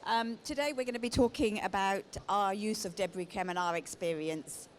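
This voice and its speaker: At an exhibition stand in a busy indoor hall, a middle-aged woman presents live as a lead clinician, holding a microphone. Her voice is mid-range at normal speed, and the lively hall adds clear background noise.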